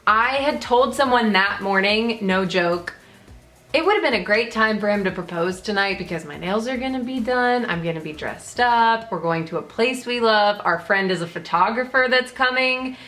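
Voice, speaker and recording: Young woman vlogging, chatty, says like a lot, normal pitch. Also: expressive, moderate pace, fairly bright tone. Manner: chatty, frequent "like" fillers. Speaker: vlogger and host. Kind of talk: casual storytelling chat.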